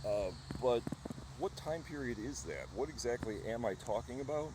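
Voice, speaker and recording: A man, middle-aged, hosting an on-location vlog to camera outdoors, with a theatrical showman-like delivery and pauses, over wind and traffic. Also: mid-range voice, lively intonation. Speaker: vlog host. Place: outdoors in an open park-like cemetery. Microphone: camera at arm's length.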